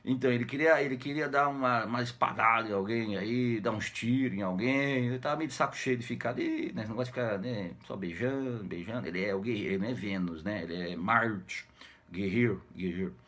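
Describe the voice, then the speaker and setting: A man's voice: mid-range voice, a little fast, fairly bright tone. A man with a Brazilian Portuguese accent, a teacher casually retelling a classic novel for students, slangy and jokey, always tagging "né?". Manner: jokey, slangy, constant "né?" tags, acts out characters' lines. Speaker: literature teacher.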